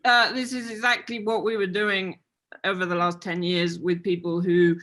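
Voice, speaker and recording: Bright-toned woman, matter-of-fact. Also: lowish voice, level tone, normal speed. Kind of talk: meeting contribution. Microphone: video call.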